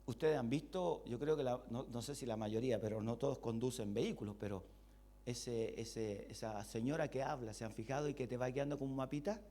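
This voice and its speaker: A man pastor giving a Bible study sermon, asking the congregation questions and voicing God's replies in a lower voice. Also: brisk. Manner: animated, rhetorical questions to the congregation.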